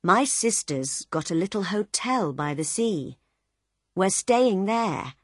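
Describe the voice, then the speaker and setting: A woman's voice: mid-range voice, lively intonation, slow, no room sound, studio quality. A woman voicing a small, tired mother who speaks in a weary voice in a storybook reading.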